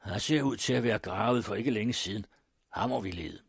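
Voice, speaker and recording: A man reading an audiobook, voicing a vengeful male accuser who shouts and jeers. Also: lowish voice, vocal fry, breathy edge, no room sound, clean studio sound. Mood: accusing. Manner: loud, jeering, fierce.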